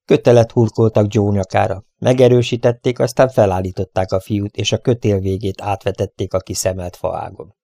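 A man narrating an adventure story in a steady, measured reading voice. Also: fairly low pitch, vocal fry, no room sound, studio quality. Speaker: audiobook reader.

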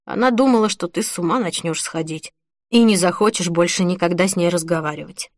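A woman's voice: on the low side, brisk, no room sound, studio quality, lightly acted. A woman reading an earnest, persuasive grown man. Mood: gentle, firm. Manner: earnest, persuasive, gently firm. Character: grown man consoling a grieving friend. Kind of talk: audiobook character reading.

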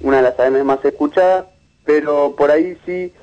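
A man, a media researcher giving a measured, analytical interview with frequent restarts. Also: fairly high pitch, dull audio.

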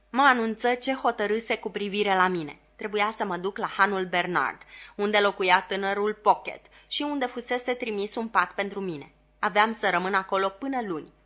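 A woman reads a novel aloud as an audiobook narrator. Her voice is bright and forceful, with a clear, expressive delivery. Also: mid-range voice. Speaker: audiobook reader. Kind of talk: scripted narration.

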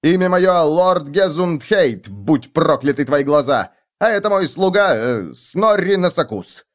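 A man's voice: fairly high pitch, lively intonation, a little slow, pitched above the performer's own voice. A man voicing a haughty young nobleman who bluffs his way past guards in a nasal, arrogant, commanding tone. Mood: indignant. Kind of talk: audiobook character voice.

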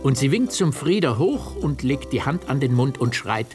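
A man narrating a children's radio story in an expressive storytelling manner. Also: medium pitch, normal speed, music in the background.

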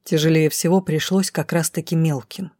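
A woman's voice: low voice, fairly even intonation, moderate pace, a little mellow, dry recording, clean studio sound. A woman reading a dramatic fantasy audiobook in the first person, tense and urgent, and voicing the characters' lines herself. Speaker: audiobook narrator.

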